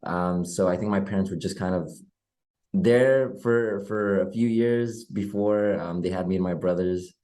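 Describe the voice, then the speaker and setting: A man's voice: low-pitched, unhurried, mellow. A young man in his twenties from Oklahoma, a guest in a casual video-call interview, friendly and easygoing with many fillers. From Oklahoma, USA. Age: young adult. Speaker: guest, politician. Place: bedroom at home.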